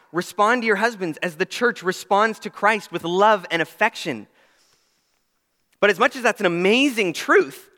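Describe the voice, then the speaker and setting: A man's voice: sits high, bright, forceful tone. A young adult man preaching a sermon, earnest and emphatic, with self-deprecating asides. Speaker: pastor. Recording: long reverb of a large hall.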